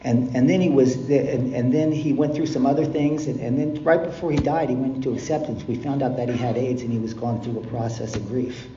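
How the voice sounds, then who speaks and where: Before a convention crowd in a large hall, a middle-aged Californian man, a guest speaker at a recovery convention, delivers a blunt, profane, impassioned talk, repeating lines for emphasis. His voice is medium-pitched and dark, fairly even in intonation, a little fast with few pauses. The audio is distant, echoey, dull and lo-fi, with faint hiss.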